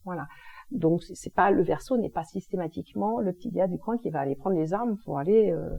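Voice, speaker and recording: A woman's voice: on the low side, a little fast, gravelly, warm tone, slightly rough, lo-fi sound. A woman explaining astrology in a casual, chatty monologue, using informal slangy expressions. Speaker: energy healing and astrology presenter.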